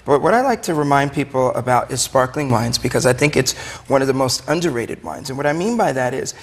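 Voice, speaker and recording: A wine shop owner with a Brooklyn accent appears as an interview guest, his mid-range voice animated and brisk. He explains things in a chatty, enthusiastic, conversational way, with long, hollow room reverb on the recording.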